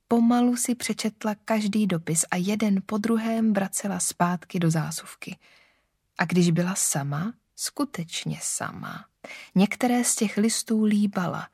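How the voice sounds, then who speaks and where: A woman narrating a classic novel aloud in a calm, even, literary manner. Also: medium pitch, husky, dry recording, studio quality. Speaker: audiobook narrator.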